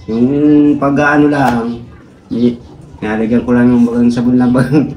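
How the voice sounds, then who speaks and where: An older man, a father, answering questions outdoors at his home in a halting, soft-spoken way with many fillers. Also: medium pitch, fairly even intonation, dull audio, a little hiss or hum. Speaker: father interviewed on a visit. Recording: outdoor ambience with birds.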